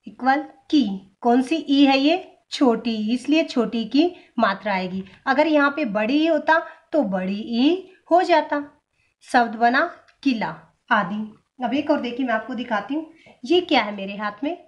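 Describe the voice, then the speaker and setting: Slow, deliberate woman teaching grammar. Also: high-pitched, muffled recording. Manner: slow and deliberate, spells sounds out one by one; quizzes the viewer and then answers herself. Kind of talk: classroom grammar lesson.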